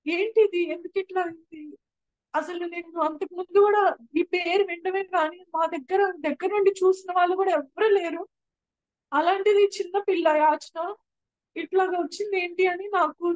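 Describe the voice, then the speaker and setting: At a prayer house, a young woman with a very high voice gives an earnest personal church testimony, often repeating and restarting her phrases. The recording is dry and lo-fi.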